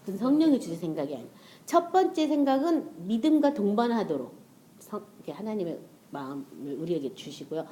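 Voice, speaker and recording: Mellow-voiced woman preaching conversationally. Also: mid-range voice, sing-song, brisk. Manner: conversational, acts out prayers and inner voices, laughs often. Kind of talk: sermon.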